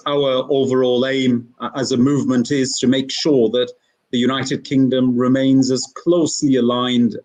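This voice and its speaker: A man from England hosting a livestream panel, earnest and measured, with frequent fillers, on a video call. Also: medium pitch, a little mellow, low-quality recording. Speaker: panel host.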